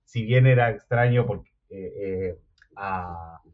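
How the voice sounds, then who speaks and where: A man's voice: on the low side, slow pace, narrow, tinny audio. A man arguing his point in a casual film podcast, pressing with repeated rhetorical questions.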